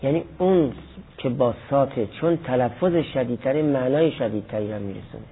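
Vocal fry and a breathy edge mark this man's medium-pitched voice as he lectures a class on Arabic grammar. He builds his explanation step by step with examples and takes questions from students, and the recording sounds lo-fi and phone-like.

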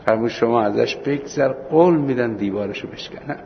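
A man teaching a seminary class on Islamic law, telling anecdotes with acted-out dialogue and slowing down for points of law. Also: medium pitch, gravelly, dull audio, a little hiss or hum. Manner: storytelling, acting out dialogue, slows for points of law.

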